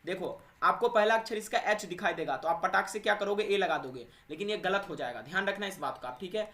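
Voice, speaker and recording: A man's voice: high-pitched, fast, sharp tone, echoey room. A man teaching an English grammar lesson for exam preparation, calling students friends and posing questions he answers himself. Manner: addresses students as friends and little brothers, asks and answers own questions.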